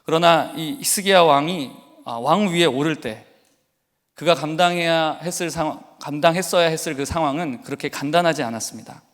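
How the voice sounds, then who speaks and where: A male pastor preaches in a church sanctuary, moving from a heartfelt personal testimony to a fervent call to his congregation. His voice sits somewhat high for a man, and a long hall reverb trails behind every phrase. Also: fairly quick, a bit bright. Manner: emotional personal testimony, rising to fervent exhortation. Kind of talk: sermon.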